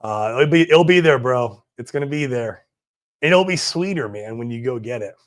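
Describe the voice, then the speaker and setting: Male streamer in his forties, casual and slangy, mid-pitched, unhurried chat. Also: expressive. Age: 40s. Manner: laid-back, slangy, trailing off with "man" and "dude". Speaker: livestream host. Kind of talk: casual livestream chat reading viewer comments. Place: home in Puerto Rico.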